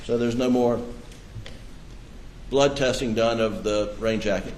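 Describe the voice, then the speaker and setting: A man's voice: medium pitch, measured pace, darkish tone. Man cross-examining in an echoey courtroom recording. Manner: pointed leading questions. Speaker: defense attorney. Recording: echoey courtroom feed, faint hiss.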